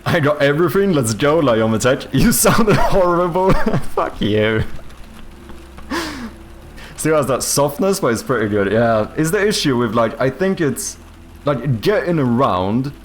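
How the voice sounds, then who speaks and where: A young Swedish man with a medium-pitched, sing-song voice chats at an unhurried pace on a game development live stream. His talk is loose and profane, with frequent swearing, restarts, and fillers like "um" and "like."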